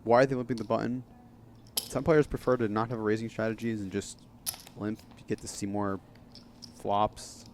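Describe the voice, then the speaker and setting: A man's voice: on the low side, flat delivery, moderate pace, a little mellow, slight background noise. A man with a New York accent giving casual, analytical live poker commentary. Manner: casual, analytical, restarts often.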